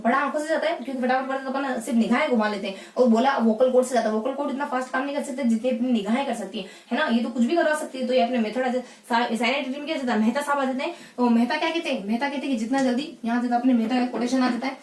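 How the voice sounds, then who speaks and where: Fast-talking woman teacher in echoey room. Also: high-pitched, a little mellow, recorded from a distance. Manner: explanatory, repetitive, many fillers and restarts. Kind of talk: exam-prep lecture on English teaching methods. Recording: echoey room, voice off-mic, faint background hum.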